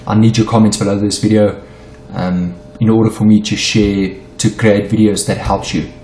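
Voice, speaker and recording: Explaining trading charts in an unedited screen-share session, a middle-aged South African forex teacher with Afrikaans as his first language often stumbles and says things twice. He has a lowish, dark voice with a level tone and moderate pace, recorded in an echoey room.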